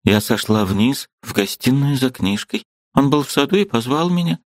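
A man voicing a quiet, earnest young woman who answers timidly. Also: medium pitch, expressive, normal speed, no echo, studio quality, voice pushed up, lightly acted. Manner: soft, timid.

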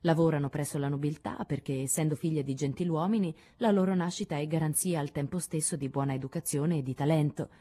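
A woman's voice: deep voice, quick pace, few pauses, warm tone. A woman voicing a prim, condescending young English lady, gracious but patronizing.

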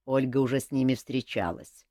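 A woman's voice: extremely low pitch, a little fast, dark tone, no echo, clean studio sound, voice pushed down. Woman doing a grumbling hot-tempered prince. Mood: blustering. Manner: grumbling, blustering. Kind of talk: audiobook character voice.

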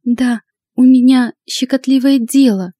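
A woman reading an audiobook voices a small, excitable young woman who pleads urgently and near tears, speaking higher and louder. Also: measured pace, no echo. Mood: anxious.

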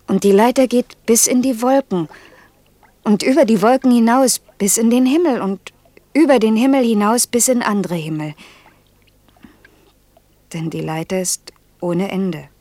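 An actress in a quiet, intimate German radio play portrays a gentle, pensive woman telling a fairy tale with grave earnestness, her breathy, husky voice a little high. She narrates in a hushed, slow, lyrical way that slips into near-whisper, sounding tender and dreamy, on a dry recording.

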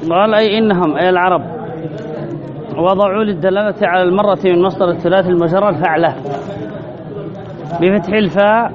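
Male grammar teacher, higher voice, reads and explains, repeats himself; dull recording, audience noise behind. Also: steady tone, quick pace, long pauses, a crowd in the background. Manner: reads a line then explains, repeats phrases and asks questions. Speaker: sheikh teaching Arabic grammar. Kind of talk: classroom lesson explaining a text.

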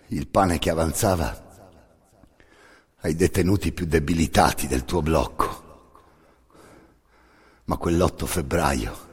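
With a gravelly, creaky bass voice, a man performs a scripted, incantatory second-person monologue for solo radio theatre as actor and storyteller. He repeats phrases intensely between long pauses while music plays beneath him.

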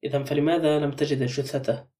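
A man's voice: fairly high pitch, little pitch movement, fast talker, warm tone, recorded from a distance, close to an everyday voice. A man reading an insistent young woman.

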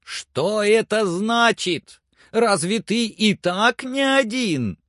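A man reading aloud and voicing an agitated, excitable man who shouts orders from below in a shrill, frantic voice. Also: slow, no room sound, clean studio sound, full character voice.

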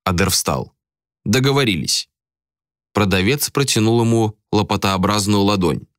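A man's voice: low-pitched, moderate pace, no room sound, studio quality. A man narrating an audiobook with dramatic storytelling.

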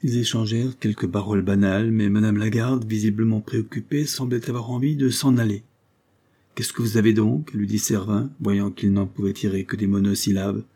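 A man reads a classic novel aloud as a measured, even storyteller. His voice sits low and sounds dark and husky. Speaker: audiobook narrator. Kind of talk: scripted literary narration.

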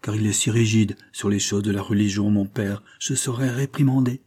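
A man reading aloud and voicing a lively, coaxing seventeen-year-old noblewoman in a raised, light tone. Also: lowish voice, moderate pace, breathy edge.

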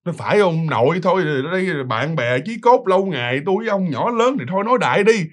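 A man's voice: sits high, sing-song, quick pace. A defensive, blustering village husband, voiced by a man in a spoken ghost story, rambling on in protest.

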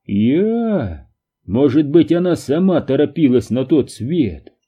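A man's voice: a little high, big pitch swings, slow pace, husky, highs cut off, pitched above the performer's own voice, exaggerated voice. A man voicing a rude, mocking, stout red-bearded man past middle age in an audiobook.

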